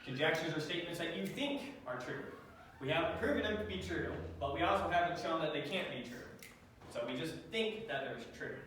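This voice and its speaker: A man's voice: on the high side, expressive, fairly quick, a bit bright, slight background noise. A man teaching a math class, lecturing and quizzing students with a dry, joking manner, recorded from the back of a classroom. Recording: echoey classroom taped from far off.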